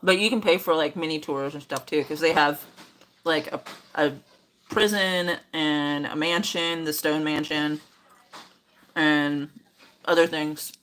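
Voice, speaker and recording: Middle-aged woman, low voice, casual chat, lots of ums, faint hiss behind. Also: measured pace, pauses often, poor audio. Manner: relaxed, chatty, many fillers. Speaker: mother and moderator of the stream.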